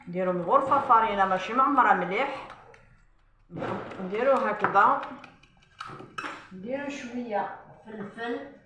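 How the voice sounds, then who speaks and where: A woman's voice: mid-range voice, roomy sound, background noise. A woman with an Algerian Arabic accent, a chef walking viewers through a recipe step by step while cooking and often saying "voilà".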